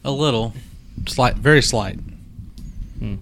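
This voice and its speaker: A man's voice: mid-range voice, slow pace, fairly bright tone, a little hiss or hum. A man in casual chat as co-host of a beer tasting show, joking and reading labels in a mock-dramatic way.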